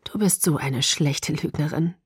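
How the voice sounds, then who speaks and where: A woman reading an audiobook, voicing a calm, tender young male vampire lover in a soft, low, gentle voice. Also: measured pace, husky, no room sound, clean studio sound, heavily acted.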